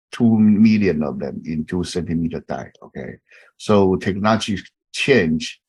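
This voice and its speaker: Taiwanese guy in his 50s teaching online, deep husky voice, lots of uh and restarts. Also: a little mellow. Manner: halting, many fillers and restarts. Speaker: professor. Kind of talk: online class introduction.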